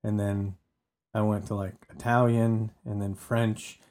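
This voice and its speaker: Mellow-voiced man telling a true-crime story. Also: on the low side, little pitch movement, measured pace. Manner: chatty, often repeats words while restarting. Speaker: podcast co-host telling the story.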